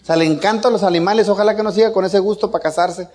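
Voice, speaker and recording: A man's voice: high voice, fast talker, background noise. A middle-aged man with a Mexican accent telling a casual family anecdote, joking and chuckling as he goes. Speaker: father telling a story.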